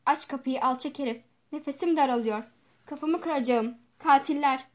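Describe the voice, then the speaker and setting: A woman reading the part of a desperate male asylum patient who shouts accusations in an audiobook. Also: sits high, fairly quick, natural voice. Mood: outraged.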